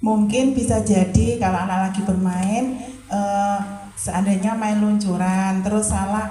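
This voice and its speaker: A woman's voice: medium pitch, steady tone, a little slow, dark tone, reverberant, faint music behind. A woman teacher, thoughtfully giving everyday examples in a group discussion.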